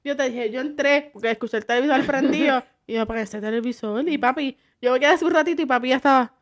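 High-voiced young woman. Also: fast talker. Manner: lively storytelling, acting out what others said. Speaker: daughter telling stories. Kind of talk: casual family chat.

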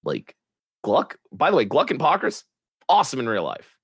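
A man hosting a racing podcast, chatting casually and excitedly with lots of fillers and restarts. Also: medium pitch, normal speed, breathy edge, no room sound. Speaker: podcast host. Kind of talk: casual chat.

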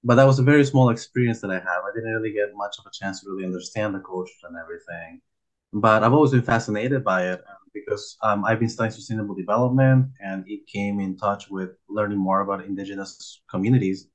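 On a video call, a young Peruvian man who founded a nonprofit chats casually as an interview guest, rambling a little and using lots of fillers. His voice sits on the low side and he talks quickly, but the audio quality is poor.

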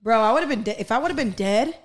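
A woman with a slightly high, expressive voice talks at a quick pace as a podcast co-host, chatting casually and telling stories. She swears freely and switches between Spanish and English mid-sentence.

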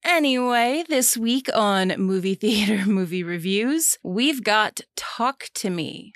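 A woman's voice: medium pitch, animated, slow pace, no room sound, clean studio sound. A woman hosting a podcast in a casual, chatty way, using a polished customer-service phone voice with wry asides. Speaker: podcast host. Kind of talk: casual solo podcast talk about films and entertainment news.

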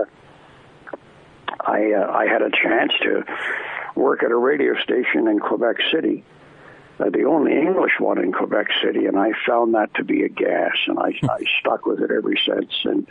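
This older Canadian man, once an arena announcer, rambles as an interview guest, restarting often and leaning on fillers. His medium-pitched voice is creaky with a breathy edge, and the dry recording comes through a tinny phone line.

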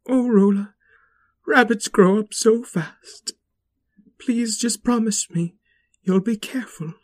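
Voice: mid-range voice, slow, pitched above the performer's own voice. A storyteller doing a tender, worried mother. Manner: tender, fretful. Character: gentle worried mother figure.

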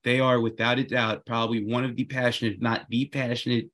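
A man's voice: mid-range voice, level tone, fast talker, fairly bright tone. Enthusiastic man. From Queens, New York. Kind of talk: casual chat.

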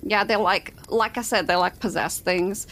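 A woman's voice: medium pitch, normal speed, fairly bright tone. A woman chatting casually and informally in character as a player in a tabletop game, often repeating words.

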